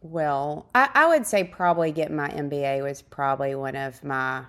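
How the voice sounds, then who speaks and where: A woman's voice: deep voice, moderate pace. A young woman guest in a casual podcast interview, chatty and self-deprecating, laughing often.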